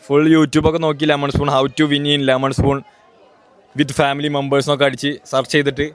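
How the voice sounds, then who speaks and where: A man with a hoarse, strained voice, hosting a casual family vlog and teasing relatives along. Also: mid-range voice, level tone, normal speed, some chatter behind. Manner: playful, teasing, eggs people on. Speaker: vlogger host.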